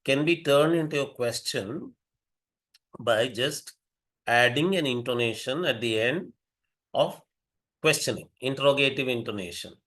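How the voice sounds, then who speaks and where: An older man with an Indian English accent, giving an explanatory lecture in a measured way, often rephrasing himself. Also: medium pitch, fairly bright tone.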